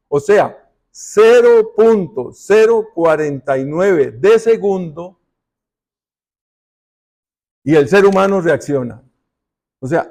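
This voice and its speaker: Preaching a sermon in church, a man speaks slowly and drawn-out in a slightly high voice with a darkish tone. Again and again he turns rhetorical questions toward the congregation, as if talking with them directly.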